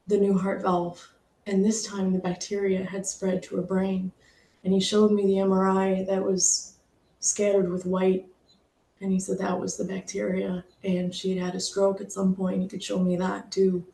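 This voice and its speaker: Woman, middle-aged, mid-pitched, emotional personal storytelling, echoey room. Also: creaky, dark tone. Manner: emotional, heartfelt, pausing, fighting back tears. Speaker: speaker sharing a personal story.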